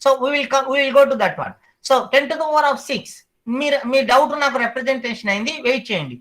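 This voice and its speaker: A male teacher giving an online class, repeating each term slowly so the students memorize it. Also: very high-pitched, lively intonation, pushed and bright, low-quality recording.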